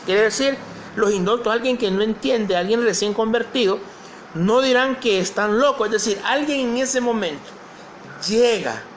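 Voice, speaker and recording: A man's voice: sits high, a little hiss or hum. A male pastor preaching a sermon, posing questions to the congregation and reading scripture aloud.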